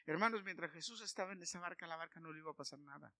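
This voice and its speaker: A man preaching a sermon, emphatic and building to loud declarations. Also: a little high, very fast, dry recording.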